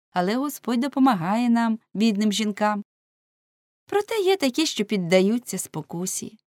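In an audiobook, a woman voices a devout young servant girl who talks in an earnest, pleading way. The character's voice is pitched above the performer's own but stays close to an everyday voice, mid-range and darkish. The recording is clean studio sound with no room sound.

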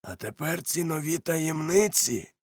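A man voicing a sly grown pirate cook with a high, strained pleading voice, in a storybook reading. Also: expressive, measured pace, slightly rough, no echo, studio quality. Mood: agitated.

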